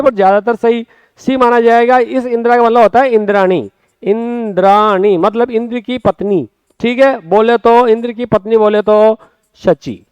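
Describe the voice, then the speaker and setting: A man teaching a spoken exam-prep Hindi lesson, lively, stretching words out and calling his students friends, with a Rajasthani Hindi accent. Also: extremely high pitch, clear, resonant tone, dry recording, lo-fi sound. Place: classroom or studio.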